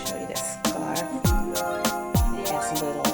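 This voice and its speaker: Speaking over loud music, a woman with a deep, animated voice and vocal fry takes her time showing off gift baskets. The lifestyle vlogger films on a handheld camera she operates herself, chatting casually with lots of repetition and fillers.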